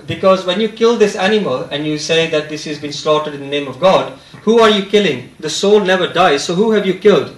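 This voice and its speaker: A man with a British accent delivers an earnest religious lecture, reading passages aloud and explaining them. His voice sits high for a man. The sound rings around an echoey hall. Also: fairly quick. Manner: earnest, rhetorical questions, reads and explains scripture.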